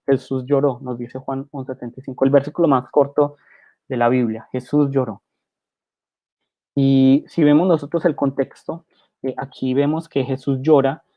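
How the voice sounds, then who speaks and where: A man's voice: medium pitch, flat delivery, normal speed, lo-fi sound. A man preaching a sermon, explaining scripture and often asking his listeners a rhetorical question. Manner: rhetorical, keeps asking "¿cierto?"; reads scripture aloud between explanations.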